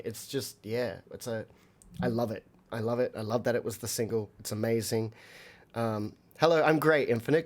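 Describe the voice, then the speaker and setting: A man's voice: medium pitch, a little mellow. An Australian man, a musician streaming a live album reaction, rambling with many fillers and talking to his viewers.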